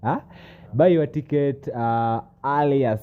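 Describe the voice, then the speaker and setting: A man's voice: mid-range voice, slow, smooth. A man with a Kenyan accent chatting casually to the camera and his friends. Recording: dull sound with faint noise.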